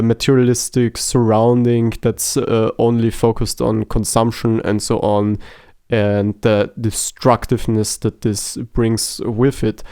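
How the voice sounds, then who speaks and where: A man's voice: mid-range voice, a little mellow, clean tone, dry recording, studio quality. A man co-hosting a podcast, chatting casually about a film in a hesitant, joking way with many fillers, a native German speaker. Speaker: podcast co-host.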